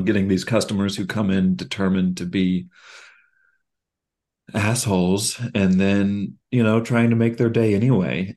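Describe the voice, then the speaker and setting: Very low-voiced man talking haltingly. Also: darkish tone. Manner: halting, frequent fillers and restarts; candid and reflective. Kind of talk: casual podcast conversation.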